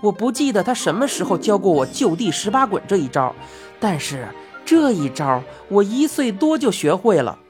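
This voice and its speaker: A woman narrating a children's story in an expressive, lively reading style. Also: mid-range voice, moderate pace, over music.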